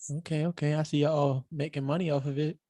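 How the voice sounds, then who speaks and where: A man's voice: on the high side, flat delivery, brisk, warm tone, dry recording. A man hosting a casual group podcast interview, talking in a slangy, laid-back way and laughing easily. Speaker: podcast host.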